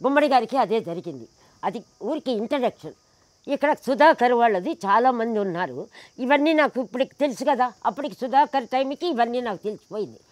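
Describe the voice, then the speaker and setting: A woman's voice: fairly high pitch, animated, a little fast, a little mellow, no room sound. A woman in an interview, telling a personal story with emphasis, acting out the people in it and firing off indignant rhetorical questions. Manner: acts out the people in her stories.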